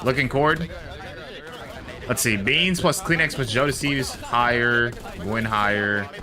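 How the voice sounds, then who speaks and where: A man hosting a live-stream watch party, chatting casually with slang and quick self-corrections. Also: mid-range voice. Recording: loud match broadcast crowd behind. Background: esports broadcast audio with crowd.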